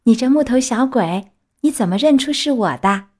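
A woman voicing a gentle motherly fairy. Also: fairly high pitch, lively intonation, normal speed, breathy edge, voice pushed up.

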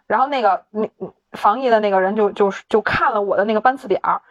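A woman's voice: mid-range voice, fast talker, dull audio. A woman telling a story in casual chat, laughing often, swearing casually and acting out the dialogue. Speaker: podcast co-host.

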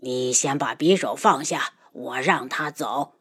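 A woman's voice: low-pitched, big pitch swings, measured pace, breathy edge, exaggerated voice. A woman doing a scheming old nobleman, cold and sneering. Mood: yielding. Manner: sneering, menacing. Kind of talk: audiobook character voice.

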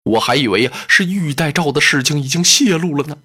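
A storyteller doing a hushed, cautious, humble warlord. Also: mid-range voice, lively intonation, a little fast, slightly rough, voice pushed down. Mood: anxious. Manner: hushed, soothing, nervously cautious. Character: cautious, humble male lord, middle-aged, anxious.

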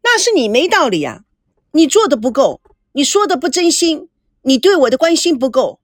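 Young woman, hurt and near tears, high-pitched and loud with it, voiced by a female narrator. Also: very animated, moderate pace, no echo, studio quality. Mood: upset, accusing. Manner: loud, tearful, accusing.

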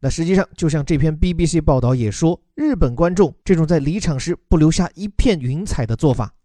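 Man explaining words in a mellow voice. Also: fairly high pitch, expressive, fairly quick, no room sound. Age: young adult. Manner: explanatory, spells out words letter by letter. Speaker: English teacher explaining a news text. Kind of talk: podcast lesson mixing Chinese and English.

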